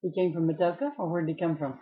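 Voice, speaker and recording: A woman's voice: on the low side, steady tone, racing. A middle-aged or older woman, casually asking questions as a family interviewer. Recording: dull lo-fi home recording.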